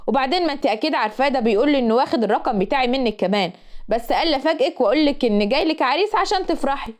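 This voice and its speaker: A woman's voice: high voice, expressive, rapid-fire. Woman playing a stern bossy Egyptian dad. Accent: Egyptian Arabic. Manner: firm, scolding. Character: stern middle-aged father, bossy.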